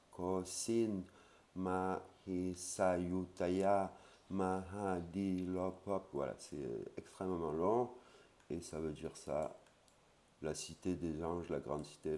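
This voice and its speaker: A man with a very low voice gives a casual language lesson. He says each foreign word slowly and carefully, then explains it in a relaxed way, with frequent "voilà"s. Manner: spells out Thai words slowly, then explains them; casual, with fillers like "hein" and "voilà". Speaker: Thai language teacher.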